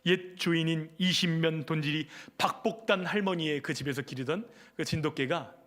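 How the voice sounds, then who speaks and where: A man's voice: on the high side, moderate pace, fairly bright tone. A male pastor giving a Sunday sermon in a church, talking conversationally and putting questions to the congregation. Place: church sanctuary.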